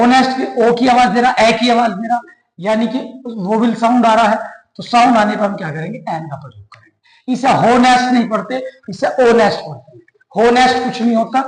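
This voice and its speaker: A man's voice: high voice, reverberant, low-quality recording. A man teaching an English grammar class, explaining step by step and answering his own questions to the students.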